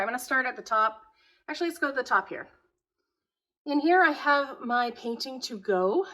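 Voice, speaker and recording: A middle-aged woman who grew up in Taiwan, a homeschooling mother casually chatting as she shows her home. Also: mid-range voice. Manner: relaxed, chatty, matter-of-fact. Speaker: homeschooling mother and channel host. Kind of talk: casual home tour vlog. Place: at home, indoors.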